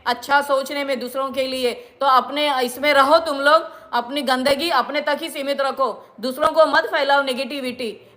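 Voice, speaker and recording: A woman's voice: sits high, pushed and bright. A middle-aged woman from India, lecturing her viewers in an indignant, repetitive monologue. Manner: indignant, lecturing, repeats herself. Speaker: vlogger.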